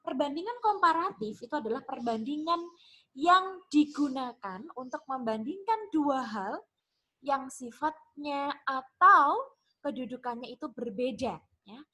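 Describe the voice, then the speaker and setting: High-voiced chatty woman teaching grammar. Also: expressive, a little slow, pushed and bright. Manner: chatty, repeats examples, asks ya kan. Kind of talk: casual online lesson.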